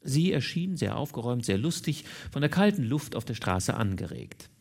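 Male audiobook narrator, expressive, lively pitch, mid voice. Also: normal speed, creaky. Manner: expressive, dramatic. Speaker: audiobook reader.

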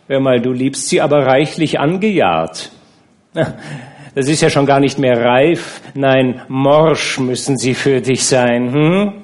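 A man's voice: medium pitch, animated, normal speed, darkish tone, lightly acted. A man reading a novel aloud and voicing a sardonic young woman with a scornful, teasing manner.

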